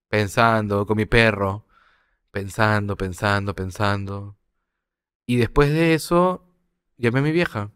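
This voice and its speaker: A young man, a podcast guest telling a personal story in a halting, reflective way, often repeating words. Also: medium pitch, a bit bright, smooth.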